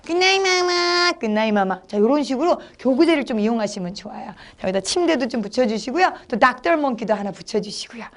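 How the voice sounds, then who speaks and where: Brisk, chatty middle-aged woman instructor, high voice, explaining teaching steps. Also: lively intonation, a little mellow. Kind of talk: lecture for teachers.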